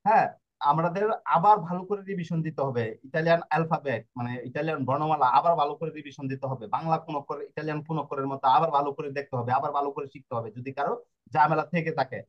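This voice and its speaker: Male tutor, slightly high pitch, patient syllable-by-syllable drilling, muffled low-fi sound. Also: very fast. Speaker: language teacher. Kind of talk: explaining pronunciation lesson. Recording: dull lo-fi recording.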